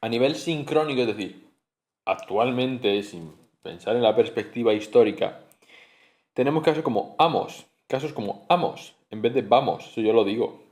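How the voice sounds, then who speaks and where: A man's voice: medium pitch, lively intonation, normal speed, a little mellow. Man explaining phonetics aloud. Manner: explanatory, repeats sounds and examples aloud. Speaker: teacher. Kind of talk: spoken lesson on phonetics.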